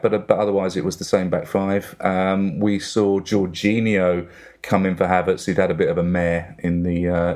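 Middle-aged male football podcast guest, low-pitched, Essex accent, casual conversational delivery. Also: a little mellow. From Essex and east London, England.

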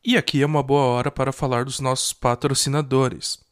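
A man giving a scripted sponsor read in an even, formal way. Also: mid-range voice, brisk, clean tone, no echo, soft background music. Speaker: sponsor announcer. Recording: dry close sound.

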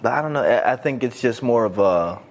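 A man's voice: mid-range voice, lively intonation, brisk. Casting: male co-host, slangy and jokey, loose conversational banter, noticeable noise behind. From Detroit, United States. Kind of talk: casual banter, frank chat.

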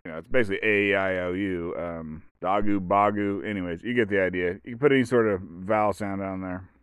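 A man's voice: low voice, fast talker, clean tone, no echo. A man hosting a casual solo podcast, talking in a rambling, meandering way full of restarts and asides. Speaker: podcast host.

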